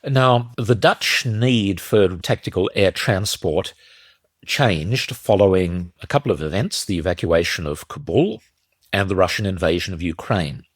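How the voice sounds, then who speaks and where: A man, muffled and congested with a slight cold, giving measured, opinionated solo commentary as a podcast host. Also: low voice, expressive, breathy edge, no room sound, clean studio sound.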